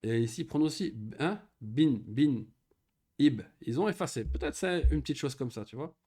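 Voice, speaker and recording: Guy tutoring arabic one on one, a bit high voice, keeps checking you follow, says the arabic words slow. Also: lively intonation, a little mellow, slightly rough. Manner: patient, explains step by step, checks understanding often; pronounces Arabic words and phrases slowly. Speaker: Arabic teacher. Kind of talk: one-on-one Arabic grammar lesson.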